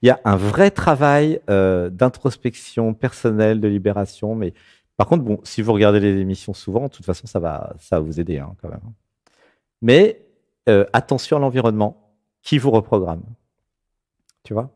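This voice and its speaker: Guy hosting a spiritual chat, lowish voice that swings up and down a lot, keeps checking in. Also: moderate pace. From France. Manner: animated, keeps checking in with "tu vois". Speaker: spiritual show host. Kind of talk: guided spiritual talk to a caller.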